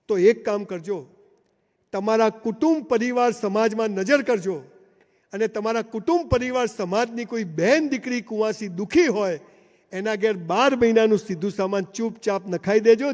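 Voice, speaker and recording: A motivational speaker with a high-pitched, darkish voice gives a live seminar speech in a large hall. He tells stories emphatically and speaks directly to the crowd, with long hall reverb on the recording.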